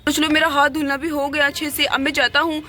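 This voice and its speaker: A woman's voice: high-pitched, little pitch movement, fast talker, sharp tone, a little hiss or hum. A woman voicing a flustered, apologetic father and henpecked husband in a doll play, pleading with his family.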